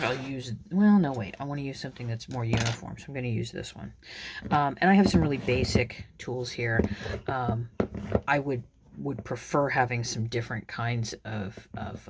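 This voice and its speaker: A woman's voice: a bass voice, background noise. Woman showing how she makes jump rings, chatty, rambly, lots of ums, self-deprecating. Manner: chatty and rambling, many ums and restarts, laughs at herself. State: has the hiccups. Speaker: craft video maker. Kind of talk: casual crafting demonstration.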